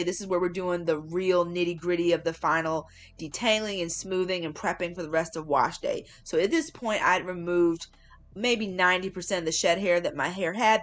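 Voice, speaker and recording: A woman with a slightly low-pitched voice narrates a casual how-to vlog. She talks in an informal, chatty way and stresses words for emphasis. It sounds like a relaxed voiceover explaining a routine step by step. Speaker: hair care vlogger.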